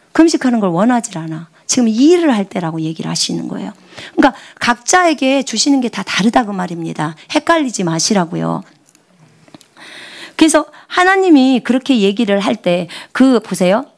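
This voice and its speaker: A middle-aged woman missionary delivers a sermon with a high, bright voice that swings widely in pitch. She tells her story lively, dropping to hushed asides and then rising into excited, high-pitched outbursts. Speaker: missionary preacher.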